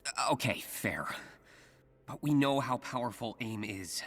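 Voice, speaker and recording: A man's voice: mid-range voice, expressive, a little slow, fairly bright tone. A man playing an earnest, self-sacrificing young superhero in a video game, casual and wry with an anxious streak. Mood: troubled. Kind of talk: naturalistic video game acting.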